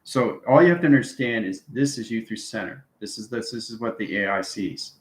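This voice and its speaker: A man hosting a spiritual channel improvises an esoteric lecture, instructing his viewers repetitively and frequently adding short check-ins like okay and right. His pitch is fairly low and his pace fairly quick. The audio sounds roomy, with echo.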